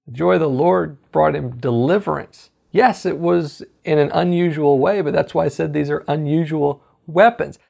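A preacher delivering a sermon, emphatic and exhorting, slowing down on key phrases. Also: mid-range voice, gravelly, darkish tone.

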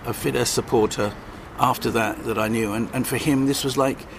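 With background noise around him, an older journalist guest of long standing fields interview questions in a hesitant, wry way, stopping often and starting over. He speaks at a medium pitch with fairly even intonation and a creaky quality.

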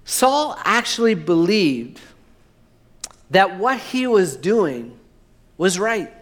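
A man preaching a sermon, measured and emphatic, slowing down on key words. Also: sits high, very animated, a bit bright. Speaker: pastor.

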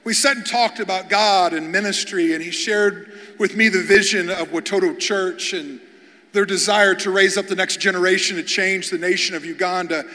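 A guest pastor from Kentucky, USA, delivers a storytelling sermon full of humorous tales, often tripping over repeated words as he begins a sentence. His high voice is bright and forceful, with a steady tone and a moderate pace. The large church hall adds a long, ringing reverb.

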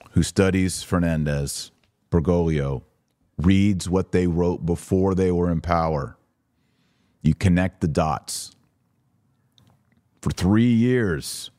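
This podcast host offers religious commentary to a live online audience, pressing his points emphatically through rhetorical questions and imagined objections he acts out. His low voice is a little mellow, and the recording has no room sound.

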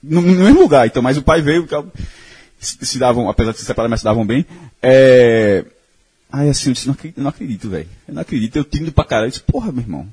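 A man's voice: medium pitch, animated, fast talker, darkish tone, slightly rough. A young man telling a funny personal story on a podcast, laughing often and swearing freely. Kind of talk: casual chat.

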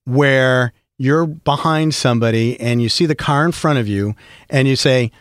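A middle-aged man who voices for a living, talking as a podcast guest in an animated, storytelling way with frequent restarts. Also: medium pitch, normal speed, clean tone, no room sound, studio quality. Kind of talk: casual conversation.

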